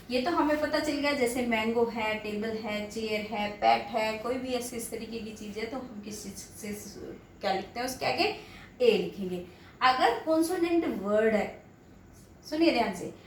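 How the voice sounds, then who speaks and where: A woman teaching an English grammar lesson, asking questions and answering them herself, repeating the key points. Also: high-pitched. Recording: echoey room with faint background noise.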